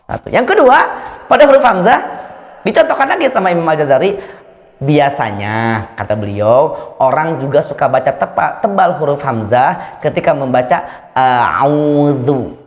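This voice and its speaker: A man teaching Quran recitation rules, demonstrating sounds by drawing out and repeating syllables. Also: fairly high pitch. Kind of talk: tajweed lesson with recited examples. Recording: echoey hall reverb.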